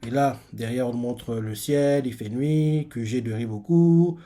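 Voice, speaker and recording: A man's voice: mid-range voice, unhurried, mellow. A man, a reaction youtuber, narrating a manga chapter aloud in a casual way with many fillers.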